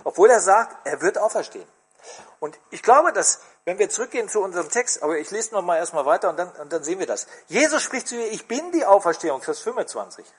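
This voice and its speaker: A man's voice: sits high, big pitch swings, fast talker, breathy edge. A man preaching a sermon in church, asking the congregation questions and reading scripture with expression.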